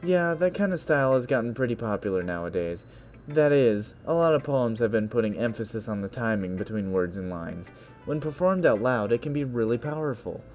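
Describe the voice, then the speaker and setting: A man's voice: mid-range voice, expressive, a little fast, darkish tone, faint music behind, close to an everyday voice. A man voicing a confident, friendly teenage girl club president who talks in a breezy, encouraging way. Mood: thoughtful. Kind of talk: video game voice-over reading.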